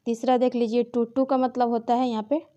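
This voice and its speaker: Mellow-voiced woman teaching grammar. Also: a little high, level tone, a little fast, highs cut off. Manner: explanatory, repeats key points and checks with "ठीक है". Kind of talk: exam-prep grammar lesson.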